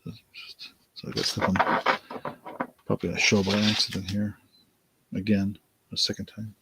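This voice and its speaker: A man hosts a laid-back live auction, his voice low and gravelly. He talks slowly and tiredly, wandering through his thoughts with plenty of fillers. Loud keyboard typing clatters in the background. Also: monotone, noisy background. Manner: unhurried, rambling, thinks aloud with many fillers. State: tired, yawning. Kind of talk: casual live-stream auction talk.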